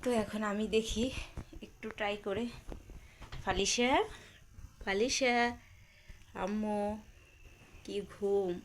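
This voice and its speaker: A young mother talking casually in a home vlog, gently coaxing her sleepy daughter awake in a sing-song way and calling her name again and again. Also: medium pitch, steady tone, slow, pauses often, a little hiss or hum. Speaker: vlogger, mother.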